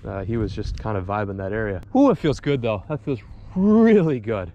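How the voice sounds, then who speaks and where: A man's voice: on the low side, very animated, normal speed, mellow, muffled recording. Upbeat young man vlogging from a boat. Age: young adult. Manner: upbeat, self-mocking, thinks aloud. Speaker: fishing vlogger. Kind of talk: casual vlog to camera. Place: small boat on a lake outdoors. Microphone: action camera on the boat.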